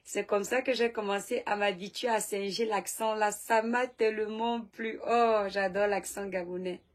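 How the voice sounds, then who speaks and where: A woman's voice: medium pitch, steady tone, moderate pace. A woman from Cameroon, hosting a casual live stream, chatting and answering viewer comments read aloud from her phone. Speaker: live-stream host and seller.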